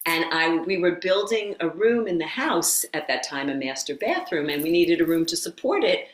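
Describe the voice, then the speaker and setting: A middle-aged woman, a yoga teacher and former occupational therapist, telling her story as a guest in a casual interview, animated and quick to laugh. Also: lowish voice. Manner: animated storyteller who acts out quotes and laughs often. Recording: roomy echo.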